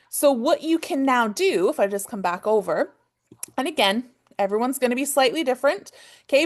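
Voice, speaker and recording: Fast-talking Canadian woman trading coach. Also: on the high side. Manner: fast-talking, checks in with "okay?" constantly. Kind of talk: live online trading lesson.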